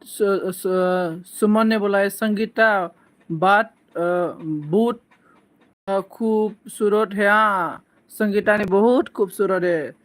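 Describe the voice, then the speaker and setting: A man hosts a casual live stream, answering viewer comments with playful teasing. He speaks slowly in a fairly high voice and often breaks off to cough. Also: a bit bright. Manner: slow, playful teasing banter with frequent coughs.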